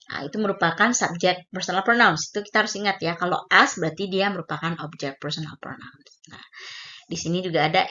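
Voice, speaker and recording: A woman teaching English in a recorded lecture, her voice sitting somewhat low yet sounding bright and forceful. She moves easily between casual explanation with tag fillers and slow, carefully stressed example sentences. The recording is muffled and lo-fi. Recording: dull lo-fi recording.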